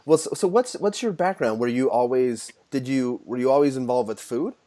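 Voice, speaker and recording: A man's voice: medium pitch, moderate pace, dark tone. Stammering man hosting an interview. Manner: friendly, stammering questions with frequent restarts. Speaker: podcast host. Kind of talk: casual interview conversation.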